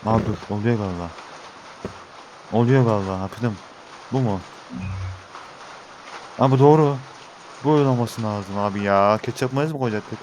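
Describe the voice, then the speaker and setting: A man's voice: on the low side, a little fast, long pauses, a little hiss or hum. A young Turkish man giving let's-play commentary, talking to his viewers and getting frustrated with the game. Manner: exasperated, talks to viewers as he plays. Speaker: gaming YouTuber.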